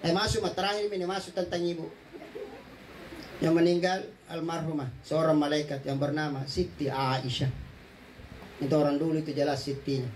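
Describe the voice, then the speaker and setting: A man's voice: fairly high pitch, little pitch movement, moderate pace, darkish tone, slight background noise, rough recording. A man giving a condolence sermon, telling stories with humor and slipping into local words. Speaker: preacher.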